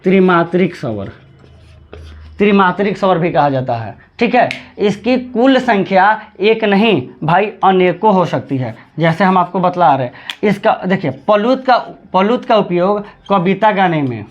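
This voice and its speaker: A man teaching a grammar lesson, repeating words slowly and drawing out chanted examples. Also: sits high, highs cut off.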